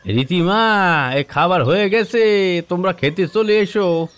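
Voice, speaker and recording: A man doing an old rustic caretaker. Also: high-pitched. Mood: calling. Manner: rustic village speech, slow and pleading. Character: elderly male village caretaker, humble and earnest. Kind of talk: audio drama acting.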